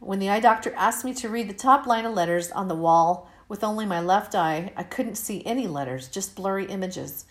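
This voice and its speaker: A woman in her fifties reading her own personal essay aloud in a candid, steady, measured way. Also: medium pitch. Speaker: narrator of her own story.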